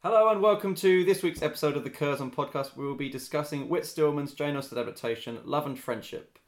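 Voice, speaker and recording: A man hosting a casual film discussion podcast, with hesitant, halting phrasing. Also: on the high side, faint music behind. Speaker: podcast host. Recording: roomy, echoing room sound.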